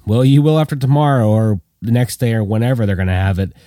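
A man voicing a friendly, confident male bomber crewman giving brisk, matter-of-fact advice. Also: mid-range voice, warm tone, no echo, studio quality, natural voice. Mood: easygoing.

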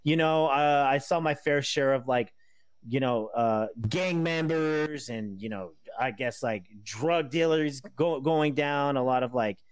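A man's voice: mid-range voice, a little slow, clean tone, no echo. A man in his thirties talks casually as a guest. He rambles, halts and circles back through plenty of fillers and restarts. His voice sits in an ordinary middle register, recorded dry and close. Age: 30s. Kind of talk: casual conversation.

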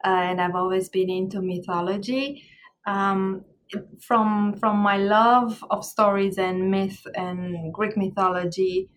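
A woman from Romania, a psychologist answering interview questions thoughtfully, pausing to find her words. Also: mid-range voice, steady tone, slight background noise. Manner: thoughtful, searching for words, explanatory. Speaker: guest, psychologist and astrologer.

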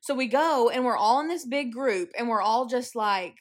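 A woman's voice: fairly high pitch, moderate pace. A young woman with a Missouri accent, a podcast co-host telling a story in casual chat. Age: young adult. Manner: storytelling, acts out others' lines.

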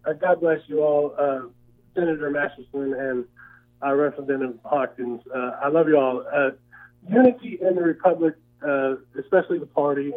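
A man calling in to a talk radio show over the phone, speaking in an earnest, rambling way with many pauses. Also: on the high side. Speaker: caller. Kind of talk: call-in radio chat. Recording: tinny phone line.

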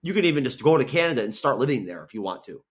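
On a video call, a forty-one-year-old content creator from Florida chats as an interview guest, rapid-fire at medium pitch with big swings in pitch. His talk is casual and rambling, full of restarts and easy profanity.

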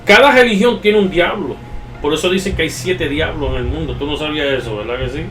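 A man's voice: on the high side, a little fast, a bit bright. A man hosting a casual chat, explaining things in a lecturing way with many restarts. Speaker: podcast host. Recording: echoey distant mic with faint music.

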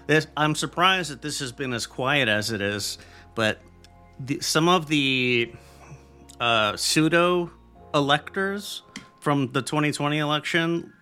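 American man, podcast host, bright edgy voice, casual news rant, swears bluntly, soft music behind. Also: medium pitch. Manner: blunt, profane, rambling with fillers. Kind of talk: casual solo news commentary.

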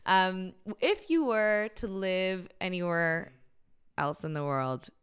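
A woman's voice: fairly low pitch, takes it slowly, a bit bright, clear, resonant tone. A woman co-hosting a podcast in casual chat, giggly and rambling with many restarts. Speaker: podcast co-host.

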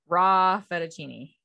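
A woman's voice: lowish voice, creaky, pushed and bright, dull audio. A woman co-host in a casual chat, joking and playful.

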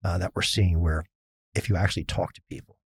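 A middle-aged man with a very low, gravelly voice tells rambling, self-mocking stories, full of fillers. His tone is husky, and the sound is dry and close. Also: level tone, fairly quick, dry recording. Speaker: risk consultant guest. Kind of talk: casual storytelling interview.

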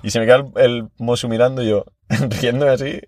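A man's voice: medium pitch, a little fast, dry recording. A young man with a Spanish accent, co-hosting a podcast, telling stories in casual chat and laughing often. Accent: Spain. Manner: animated storyteller, laughs often, slangy. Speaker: podcast co-host.

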